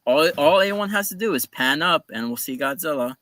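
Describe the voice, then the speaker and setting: A man's voice: a little high, animated, a little fast, pushed and bright. A man on a casual panel podcast, pushing back on a point with insistent, rambling arguments. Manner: insistent, hedging with "like".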